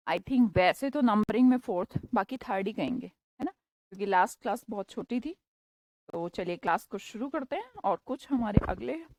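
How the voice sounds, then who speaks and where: A woman teacher with an Indian accent teaching English vocabulary in a live class, explaining patiently, checking often that the students follow, and slowing down for English examples. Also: on the high side, a little mellow, dry recording, poor audio.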